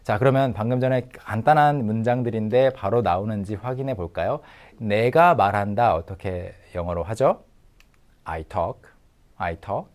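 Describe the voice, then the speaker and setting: A middle-aged man giving a recorded language lecture, patiently drilling short phrases slowly and repeating them. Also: lowish voice, a little mellow. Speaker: English teacher.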